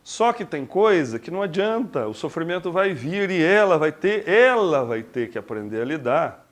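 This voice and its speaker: Animated Brazilian man, slightly high voice. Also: normal speed. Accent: Brazilian Portuguese. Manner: conversational and expressive, rhetorical questions, acts out little scenes. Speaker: speaker giving a reflection talk. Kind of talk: casual spoken reflection.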